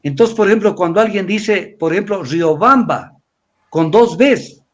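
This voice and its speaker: An older man from Ecuador delivers a weekly analysis in a lecturing tone. His voice sits high for a man, and he repeats phrases and spells out letters as he explains. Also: animated, measured pace. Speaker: commentator.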